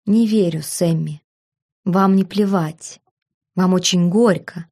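A woman reading the lines of a calm, gallant young marquis who teases lightly, in an audiobook. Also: on the low side, slow. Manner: calm, courteous, lightly amused.

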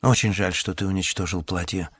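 A man's voice: deep voice, fairly even intonation, a little fast, a bit bright, slightly rough, dry recording, studio quality, pitched below the performer's own voice. A man voicing a sly abbot who laments theatrically to trick a ferryman, read as an audiobook. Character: sly male abbot, mock-lamenting, calculating.

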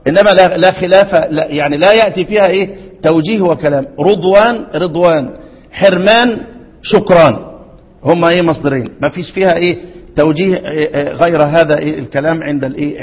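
A man with an Egyptian accent teaching a classical text, often pausing to ask his students to supply the next word. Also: a little high, slightly rough. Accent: Egyptian Arabic. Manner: keeps asking students to fill in words. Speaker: Quran recitation teacher. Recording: dull, reverberant hall recording.

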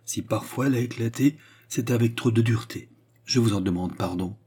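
A man's voice: mid-range voice, brisk, dark tone, breathy edge, lightly acted. A man voicing a grave, sad and loyal nobleman in an audiobook reading of a novel, speaking earnestly and solemnly.

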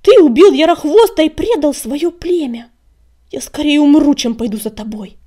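Defiant young warrior tomcat, as a woman voices him, loud, crisp words, proud, storybook. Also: high-pitched, expressive, moderate pace, voice pushed up. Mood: bitter defiance. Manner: loud, clearly enunciating each word.

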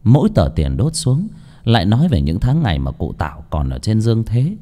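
A man narrating an audio story in an expressive storytelling manner. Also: lowish voice, a little fast.

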